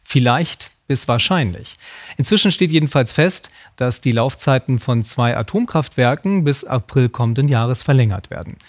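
A man presents the evening news from the studio desk. He reads his scripted copy with measured emphasis, clear and composed. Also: mid-range voice, lively intonation. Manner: measured, emphatic anchor delivery. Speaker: news anchor.

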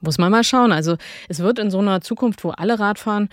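A woman co-hosts a radio feature and explains ideas in a clear, lively way. Her voice is mid-pitched and recorded dry and close. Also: fast, no room sound. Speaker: co-host. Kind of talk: scripted radio feature chat.

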